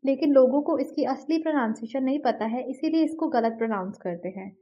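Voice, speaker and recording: A woman teaching English pronunciation, speaking slowly and carefully and repeating each word twice. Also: high-pitched, darkish tone. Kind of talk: scripted lesson narration. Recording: dull lo-fi recording.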